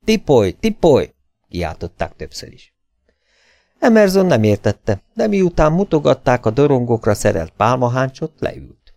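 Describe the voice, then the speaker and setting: A man reading a humorous novel aloud as an audiobook, with lively, expressive storytelling. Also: medium pitch, creaky, no room sound, clean studio sound. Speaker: audiobook reader.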